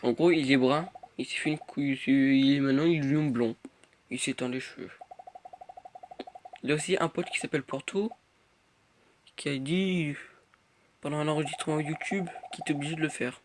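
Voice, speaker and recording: A man's voice: on the high side, moderate pace, long pauses. A teenage boy giving casual gameplay commentary, rambling with many fillers and muttering at the game. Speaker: gaming youtuber. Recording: noisy home recording.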